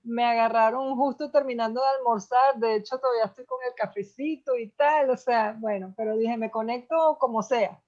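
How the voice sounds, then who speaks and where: Woman panelist, relaxed self-deprecating chat, dull video-call recording. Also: a little high, moderate pace, few pauses. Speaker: panel guest, astrologer.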